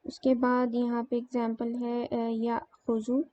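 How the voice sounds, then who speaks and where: Slow, flat-voiced woman teaching grammar. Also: on the high side. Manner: slow, explains step by step with many fillers. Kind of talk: grammar lesson. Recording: dull lo-fi sound with faint noise.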